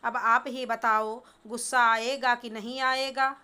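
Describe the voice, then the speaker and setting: An angry young newlywed daughter airs her complaints, voiced by a woman. The voice is bright and crisp and sits a little high. The delivery stays flat, as in a storybook. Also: slow pace. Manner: upset, complaining. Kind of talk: storybook reading.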